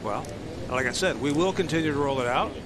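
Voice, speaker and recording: A man's voice: on the high side, expressive, a little fast, background noise. A man giving conversational golf commentary on a sports broadcast.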